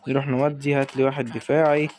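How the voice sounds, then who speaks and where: Rapid-fire Egyptian gamer commentator. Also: male voice, mid-range voice, little pitch movement, a little mellow. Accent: Egyptian Arabic. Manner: hyped, talks to the in-game players. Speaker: gaming YouTuber. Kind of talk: live gameplay commentary.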